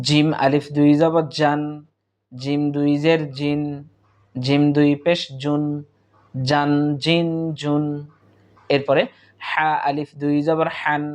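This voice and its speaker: Slow, steady man teaching Quran reading. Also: fairly high pitch. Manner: patient, drills each sound in repeated patterns. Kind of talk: slow spelled-out recitation lesson.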